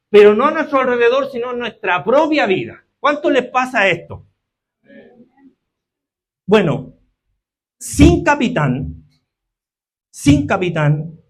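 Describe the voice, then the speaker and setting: A man preaching a sermon. His voice sits high, and he keeps pausing to ask his listeners whether they agree before he presses on. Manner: keeps asking the congregation for agreement.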